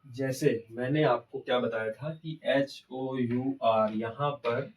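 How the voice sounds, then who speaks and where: A man's voice: medium pitch, fairly even intonation, slow pace, recorded from a distance, poor audio. A man teaching an English grammar lesson, asking questions and answering them himself. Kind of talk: classroom-style grammar lesson.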